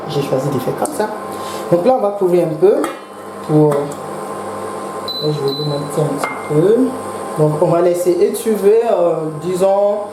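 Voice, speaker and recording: A woman hosting her own cooking channel, explaining a recipe step by step in a chatty way and pausing now and then to search for words. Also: fairly low pitch. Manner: chatty, explains each step with gentle asides. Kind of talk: casual cooking tutorial. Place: home kitchen. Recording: echoey kitchen with faint background noise.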